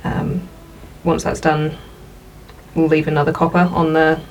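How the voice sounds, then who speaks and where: A woman speaking softly and tentatively as a player in a tabletop game. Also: sits low, completely flat delivery, unhurried, far from the mic, rough recording.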